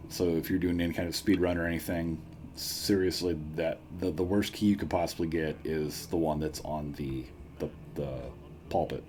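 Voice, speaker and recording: A man's voice: sits low, steady tone, normal speed, a little mellow. A man giving a casual, joking, self-deprecating video game walkthrough as a let's player. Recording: noisy, with game ambience behind. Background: game sounds.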